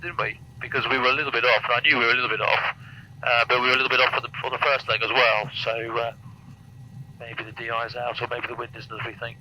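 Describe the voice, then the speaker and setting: A British man gives flight instruction from inside a small aeroplane. He talks calmly and encouragingly, guiding step by step in casual language. His middle-pitched voice comes through a headset intercom with clear engine noise behind it. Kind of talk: cockpit instruction and casual chat. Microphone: aviation headset. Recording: noisy cockpit intercom with engine hum.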